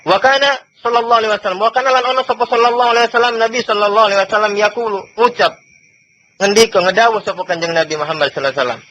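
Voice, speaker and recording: A man with a high, bright voice teaches from a classical religious book, reading slowly and then explaining in a loose, chuckling way. The sound comes from old worn tape, dull and lo-fi. A faint hiss runs underneath. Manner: chatty, chuckles often between points. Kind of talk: classical book study lesson.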